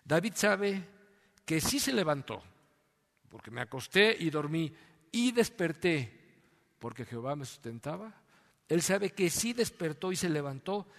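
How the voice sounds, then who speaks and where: A man's voice: sits high, gravelly, a bit bright, in a large hall. A man preaching a sermon, telling a story with rhetorical questions. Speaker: pastor.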